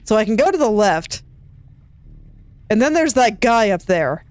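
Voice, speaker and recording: A woman with a very animated, mid-range voice that is darkish, clear and resonant gives casual commentary while playing a video game, recorded dry. As a let's play gamer she chats, talks to herself and lets out quick laughs.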